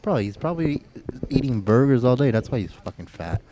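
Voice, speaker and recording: A man's voice: medium pitch, sing-song, a little fast, dark tone, a little hiss or hum. A young man co-hosting a podcast in casual chat, talking bluntly and crudely in a rambling way. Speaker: podcast co-host.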